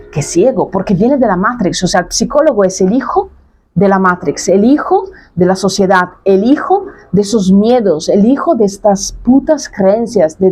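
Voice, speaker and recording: Blunt coach in her thirties, a woman of middle pitch who hammers her points home with casual slang. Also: darkish tone, breathy edge. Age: 30s. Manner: emphatic, repetitive, slangy and blunt. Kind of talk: casual spoken monologue to camera.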